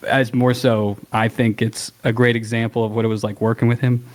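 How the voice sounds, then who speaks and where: A man guesting on a music podcast, speaking at a middling pitch in an easygoing way. He hedges his words and laughs often as he chats. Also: flat delivery, a little fast, a little mellow. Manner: laid-back, laughs often, hedging. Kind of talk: casual interview chat.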